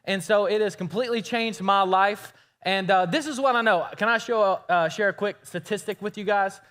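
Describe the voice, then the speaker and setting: Man, 30s, youth pastor, high-pitched and pumped, addressing a teen crowd. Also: normal speed. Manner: energetic, hyped, teasing.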